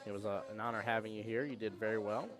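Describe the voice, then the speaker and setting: A man's voice: fairly low pitch, steady tone, quick pace, a crowd in the background. A man commentating casually on a live pool stream, chatting with viewers in a folksy, friendly way. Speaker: livestream pool commentator and host. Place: indoor pool hall. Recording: small fan near the mic.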